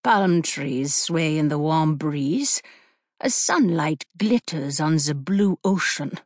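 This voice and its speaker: A woman voicing a German-born male Nazi commander in his forties, speaking with a German accent in a slow, low, deliberate way. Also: animated, darkish tone, dry recording, studio quality, full character voice. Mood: scheming. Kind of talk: audiobook character reading.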